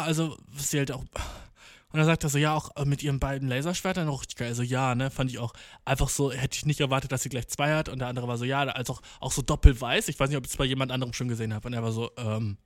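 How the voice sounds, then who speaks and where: Young dude rambling a funny story, lots of slang and cursing, dry close sound. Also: male voice, mid-range voice, no echo. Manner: slangy, swearing, tags lines with "ne?"; acts out quoted people in the story. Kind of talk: casual anecdote.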